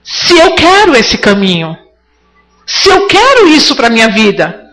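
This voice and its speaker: A woman's voice: on the high side, wildly swooping pitch, a little slow, a bit bright, soft background music, low-quality recording. A woman preaching a sermon to her congregation, fervent and rising now and then to cries.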